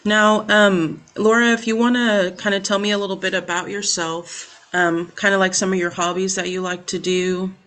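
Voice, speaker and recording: A woman's voice: mid-range voice, little pitch movement, normal speed, hardly any pauses, fairly bright tone. A young woman who is a student, conducting a casual interview over a video call, friendly and full of fillers like um and you know.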